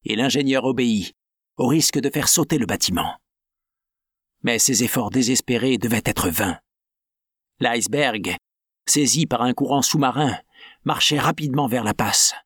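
A man narrating an adventure novel in a steady, dramatic storytelling manner. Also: mid-range voice, moderate pace, pauses often, husky, no echo, studio quality. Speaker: audiobook narrator.

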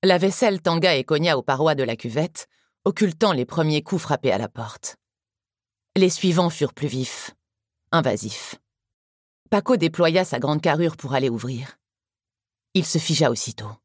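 A woman narrating a novel in a measured, even storytelling manner. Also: low-pitched, no room sound, clean studio sound. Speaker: audiobook narrator. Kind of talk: scripted narration.

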